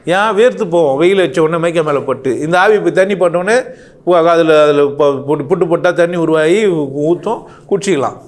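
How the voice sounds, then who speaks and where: A man with a somewhat high voice speaks a little fast in an impassioned, animated monologue. He fires off rhetorical questions while his voice rises and falls sharply.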